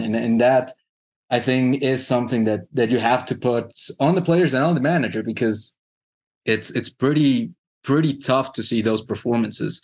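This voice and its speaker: A man co-hosting a casual sports podcast, halting with frequent restarts and fillers. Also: medium pitch. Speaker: podcast co-host.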